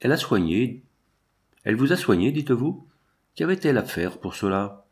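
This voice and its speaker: A man's voice: lowish voice, sing-song, brisk. A man reading aloud who voices a pushy priest pressing a dying man with probing questions. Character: pushy, prying male priest, middle-aged.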